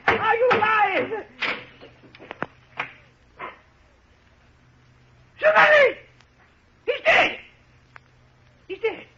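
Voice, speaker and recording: In a muffled, noisy old-time radio broadcast, a male actor plays an elderly peasant gravedigger with heavy theatricality. His high, wavering old man's voice stammers, hesitates and exclaims in a frantic, wheedling, excitable way.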